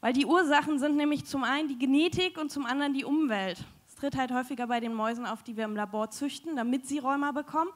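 Speaking fast with few pauses, a young woman with a high-pitched voice and a German accent jokes her way through a chatty science slam talk. She holds a handheld mic on stage in a large dim hall with an audience, and fillers crop up often.

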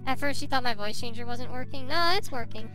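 A streamer's voice comes through a voice changer that makes it sound like a fairly high female voice. The talk is casual and rambling, full of filler words. Music plays clearly underneath. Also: a little fast. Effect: voice changer on the mic. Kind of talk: casual stream chat reading viewer messages.

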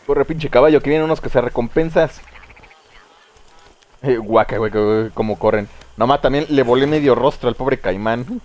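A young Mexican man giving casual, excitable live commentary while playing a game. He swears freely and talks to his viewers. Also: medium pitch, normal speed, dull audio. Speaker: streamer.

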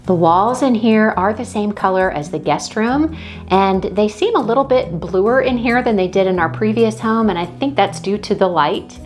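Woman, home tour voice-over, homey and unhurried, soft music underneath. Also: medium pitch. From Texas. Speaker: home vlogger. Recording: faint background music.

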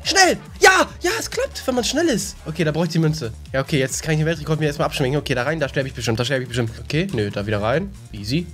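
A man doing excitable let's-play commentary, shouting and wailing when he fails, sometimes singing his words, talking straight to his viewers. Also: a little high, racing, hardly any pauses, soft background music. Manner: excitable, shouts and wails at failures, playful sing-song bits; talks straight to viewers as "Leute". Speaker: gaming YouTuber.

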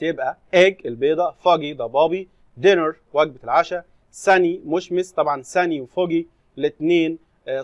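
A man with an Egyptian Arabic accent, teaching a lesson and reading English slowly before explaining it in Arabic. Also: on the high side, no echo, lo-fi sound. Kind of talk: recorded classroom lesson explanation.

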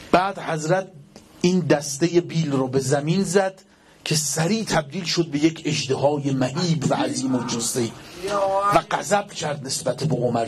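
A man preacher telling a religious story in a fervent, dramatic way, acting out the quoted lines. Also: mid-range voice.

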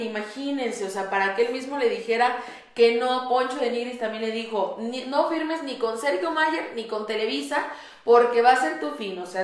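A young Mexican woman co-hosting a gossip show, chatting casually with lots of fillers in a small studio. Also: a little high. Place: small studio on a pink sofa. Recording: roomy echo.

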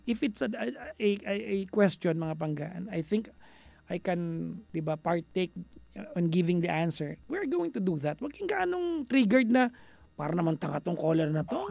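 Filipino male radio host, high gravelly voice, playful teasing banter with listeners, studio mic. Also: lively intonation, normal speed, dry recording. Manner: chatty, mixes Tagalog and English, teasing, playful; bursts into loud, high exasperated rants. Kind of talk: casual radio talk with listeners.

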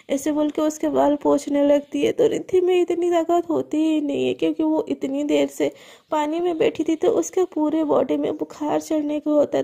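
High, gravelly woman storyteller. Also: dark tone. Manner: conversational, intimate narration. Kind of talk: casual serialized storytelling.

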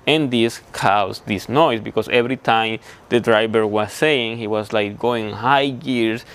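A young man and truck mechanic explaining a repair in a hands-on walkthrough, halting with many fillers and restarts. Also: fairly low pitch, fairly bright tone, clean tone. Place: indoor truck repair shop.

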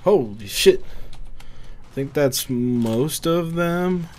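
A man gives casual, profane commentary while playing a video game, muttering to himself very slowly in a fairly high, somewhat mellow voice with lively intonation. The recording is noisy with game ambience and gunfire behind him.

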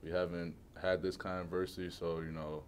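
Young baller at a presser, deep flat voice, says you know a lot, faint hum. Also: male voice, brisk. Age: 20s. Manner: soft-spoken, leans on you know. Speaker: college basketball player. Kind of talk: postgame press conference answers. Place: press conference room.

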